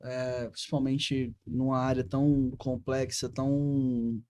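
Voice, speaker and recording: A Brazilian man who is a guest on a podcast, speaking earnestly and pausing to find his words. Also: medium pitch, little pitch movement, darkish tone, smooth. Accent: Brazilian Portuguese. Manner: earnest, thinks aloud with hesitations. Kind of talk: conversational interview.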